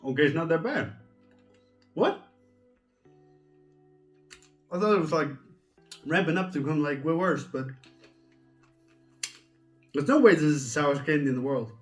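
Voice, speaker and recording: A man with a slightly high voice hosts a casual taste-test vlog. He talks with sour candy in his mouth, reacting out loud as he goes. Music plays behind him. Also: fairly quick, long pauses, far from the mic. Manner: talking while eating sour candy, with reactive exclamations and mouth sounds. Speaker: video host doing a taste test. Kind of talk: casual vlog chat to viewers.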